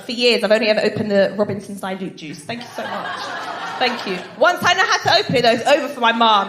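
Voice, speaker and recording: A woman doing live stand-up, chatty with the audience and given to snorting giggles. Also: fairly high pitch. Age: 20s. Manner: giggles and snorts while laughing; chatty, addresses the audience with frequent tag questions. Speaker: stand-up comedian. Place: stage at a live comedy night. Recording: echoey live venue with background noise.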